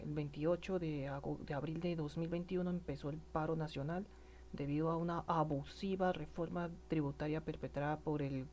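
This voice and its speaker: A man's voice: a little high, a little mellow. A Colombian man with a regional accent talks through a personal monologue, stumbling and restarting as he goes. His tone is earnest and indignant. A faint hum sits under the recording. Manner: halting, stammering, many restarts. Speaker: citizen speaking about protests.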